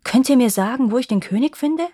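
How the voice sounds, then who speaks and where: A woman's voice: high-pitched, expressive, fairly quick, warm tone, dry recording, studio quality, voice pushed up. A woman voicing a young male prince, eager and devoted, who speaks urgently and gives commands in a read-aloud fairy tale.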